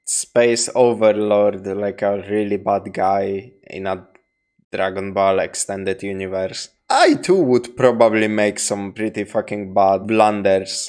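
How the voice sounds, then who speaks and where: Young man giving halting, sweary reaction commentary. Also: lowish voice, darkish tone. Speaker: reaction streamer. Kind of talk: casual off-the-cuff commentary.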